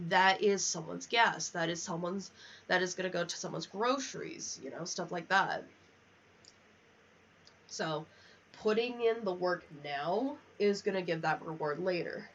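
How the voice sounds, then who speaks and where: A young American woman with a lowish, slightly bright voice rambles casually during a gaming livestream. Her chat is unfiltered and peppered with swearing. Background noise is clearly audible over a dull, lo-fi mic.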